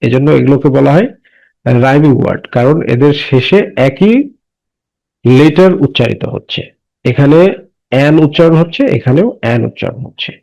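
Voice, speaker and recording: Gravelly-voiced man teaching a slow lesson. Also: medium pitch, lively intonation, mellow. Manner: asks questions and answers them himself, slow deliberate English readings. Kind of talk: classroom lesson explaining English words in Bengali. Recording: dull lo-fi recording.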